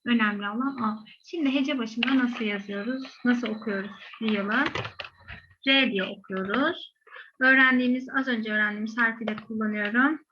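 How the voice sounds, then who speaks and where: A woman's voice: on the high side, moderate pace, dull audio, background noise. A woman with a Korean accent teaching a language lesson patiently, repeating each example word two or three times. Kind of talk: slow step-by-step lesson, repeating example words.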